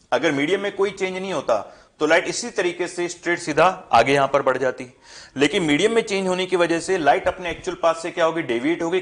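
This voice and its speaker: A man's voice: fairly high pitch, fairly bright tone. A young man teaching a physics lesson, posing questions to the class and answering them himself. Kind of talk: classroom lesson explaining at a board.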